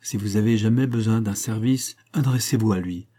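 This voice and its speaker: A man reads as a seasoned painter in a storybook who counsels a young wife in a calm, confiding way. The voice is low and mellow with a husky edge. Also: normal speed, natural voice. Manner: confiding, gently advising. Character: Parisian painter, older friend, measured and warm.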